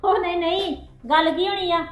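A woman's voice: extremely high pitch, steady tone, normal speed. A woman playing a defensive young daughter-in-law who complains and explains herself in a rush. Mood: evasive.

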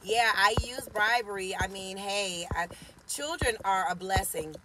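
Speaking a little slowly in a mid-range voice, a woman in her forties hosts a casual live stream from a parked car. Her phone camera, held at arm's length, also catches background noise as she chats, teases, and welcomes viewers by name.

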